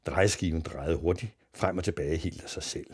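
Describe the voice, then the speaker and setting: A man reading a children's story aloud in an expressive narrating voice. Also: rumbling low, husky.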